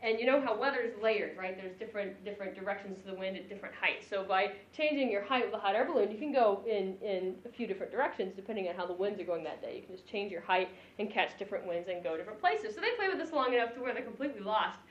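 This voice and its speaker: A woman physics lecturer teaching a class, animated and joking, chuckling between her points. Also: medium pitch, fast, few pauses. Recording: echoey, dull lo-fi room recording.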